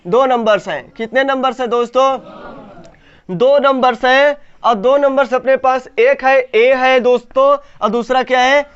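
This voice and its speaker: Man, teacher, very high voice, slightly muffled lo-fi recording, quizzes the class on every point, stretches key words. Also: steady tone, measured pace. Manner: repeats each point as a question to the class. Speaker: English grammar teacher. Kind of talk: classroom lesson with call-and-response. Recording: slightly dull lo-fi sound.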